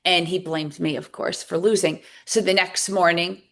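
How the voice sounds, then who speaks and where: A woman's voice: lowish voice, steady tone, moderate pace, vocal fry, a bit bright. A woman, a guest telling her own story in a podcast interview and acting out both sides of old arguments. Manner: candid, acts out both sides of past conversations. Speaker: guest author and recovery coach.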